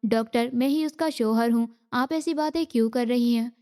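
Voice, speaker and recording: A woman's voice: on the high side, natural voice. A woman reading the part of an exasperated young husband who answers sharply, in an audiobook. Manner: sharp, defensive.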